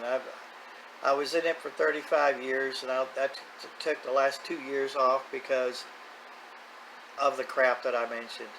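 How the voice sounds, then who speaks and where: In his hobby video, a man of middle age or older delivers a folksy, plain-spoken, off-the-cuff vlog monologue in a mid-range voice. The recording is rough, with noticeable background noise and ambient sound.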